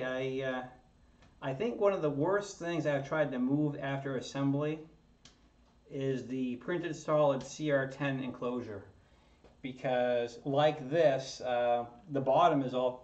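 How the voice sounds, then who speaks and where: Unhurried and darkish in tone, this mid-range male voice belongs to a maker-channel host working in his home basement workshop. He chats casually, chuckles a lot and jokes about himself while assembling a 3D printer kit. A tripod camera across the table captures him, and the sound is roomy, distant and slightly dull.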